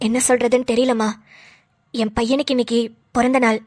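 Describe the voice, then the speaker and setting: A woman's voice: moderate pace, fairly bright tone, no room sound, studio quality. A woman doing a sorrowful grieving mother. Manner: heavy, sorrowful, low-voiced. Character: grieving mother missing her son. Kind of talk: cartoon voice acting.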